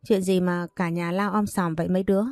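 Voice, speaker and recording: A woman's voice: on the low side, little pitch movement, fairly quick, a little mellow, no room sound, clean studio sound, natural voice. Woman reading as a blunt old grandmother. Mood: teasing. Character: elderly grandmother, blunt and teasing.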